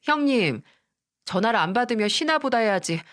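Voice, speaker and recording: A woman's voice: a little high, animated, normal speed, fairly bright tone, voice pushed up. A woman voicing a rude, selfish younger sister-in-law who talks in a sulky, dismissive tone.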